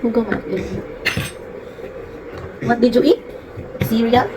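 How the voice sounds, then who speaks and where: A woman's voice: a little high, slow pace. A woman with a Filipino accent chatting with her young children in a casual home vlog, playful and coaxing. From Philippines. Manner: playful, coaxing, sing-song with small kids. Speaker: vlogger and mother. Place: family home, indoors. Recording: noisy home recording.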